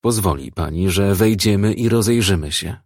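A man's voice: medium pitch, expressive, normal speed, slightly rough, dry recording, studio quality, voice pushed up. A man voicing a brusque police officer who talks bluntly and matter-of-factly, in an audiobook. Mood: questioning. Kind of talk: audiobook character voice.

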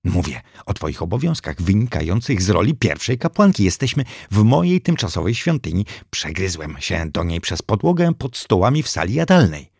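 A man voicing a small, self-satisfied male hamster who believes he is a god, speaking solemnly with a gravelly voice. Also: sits low, sing-song, normal speed, few pauses, a little mellow, no echo, clean studio sound, full character voice.

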